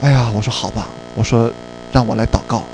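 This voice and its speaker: A male preacher telling a personal story in a sermon, in a lively storytelling way and slipping English words into his speech. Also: medium pitch, brisk, slight background noise, low-quality recording.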